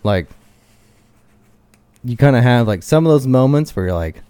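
A man's voice: mid-range voice, expressive, normal speed, mellow, smooth, dry recording. A man in his thirties talking casually and candidly, rambling with lots of fillers. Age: 30s. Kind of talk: casual chat.

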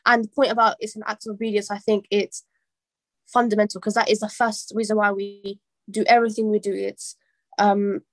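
Flat, measured woman co-host. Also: medium pitch, no room sound. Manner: measured, sums up others' points. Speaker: podcast co-host. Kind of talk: casual chat.

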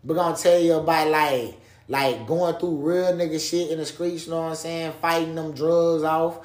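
A man's voice: on the high side, steady tone, normal speed, darkish tone. A man chatting casually on a podcast in heavy street slang, repeating himself for emphasis and peppering his talk with bro. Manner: repetitive, emphatic phrasing. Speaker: podcast co-host. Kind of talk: casual opinionated podcast chat. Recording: echoey room.

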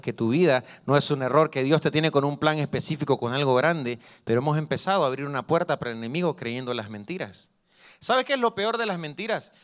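A young man preaching a sermon as pastor, telling stories lively and acting out the dialogue. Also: on the high side. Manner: lively storytelling that acts out dialogue.

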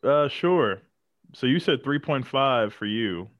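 A man's voice: medium pitch, expressive, slow, dry recording, dull audio. A man co-hosting a podcast in a laid-back, wry, casual chat. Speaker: podcast co-host.

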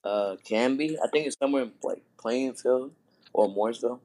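Young man, medium pitch, stammering, joking, casual chat, glitchy low quality online stream. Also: normal speed, a little mellow. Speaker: guest answering questions. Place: online voice call.

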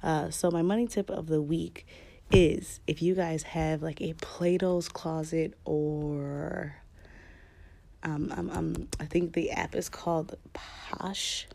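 A woman hosting a podcast in casual, rambling, candid talk, with a deep chesty voice that is a bit scratchy from a cold. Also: steady tone, slow, gravelly, mellow. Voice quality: slightly scratchy. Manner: candid, informal, swearing freely. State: fighting a cold. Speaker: podcast host.

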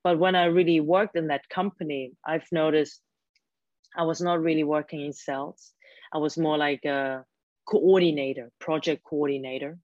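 Her voice is deep, steady and a little mellow, moving at a moderate pace. She's a career coach whose first language is German, giving earnest advice in an interview and often starting her sentences over, captured in a dull, dry lo-fi recording.

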